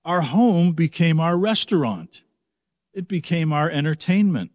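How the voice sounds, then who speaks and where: Slow-preaching man in a reverberant sanctuary. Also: on the high side, expressive, darkish tone. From United States. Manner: slow, measured, reflective delivery. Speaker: pastor. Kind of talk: sermon.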